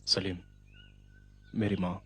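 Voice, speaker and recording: An actor dubbing a humble, devout young man who speaks softly and modestly. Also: sits low, level tone, slow pace, husky, heavily acted. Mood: gentle. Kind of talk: Urdu film dubbing.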